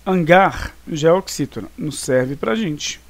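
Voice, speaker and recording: A man's voice: a little high, lively intonation, a little slow. A male teacher talking through exercises in a recorded online class, casual and chatty, often checking in with his students. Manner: casual, chatty, with many fillers and check-ins.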